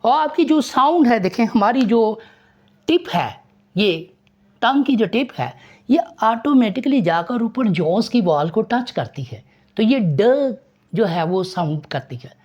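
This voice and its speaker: Pakistani-born male English tutor, unhurried, spells words letter by letter. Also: sits high, lively intonation, darkish tone, lo-fi sound. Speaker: English teacher. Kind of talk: pronunciation lesson.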